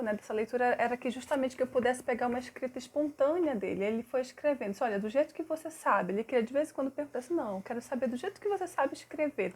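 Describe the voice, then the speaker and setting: A woman from Brazil, a literacy teacher, recounts a case study and explains it, stretching words out slowly to model syllables and vowel sounds. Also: on the high side, breathy edge.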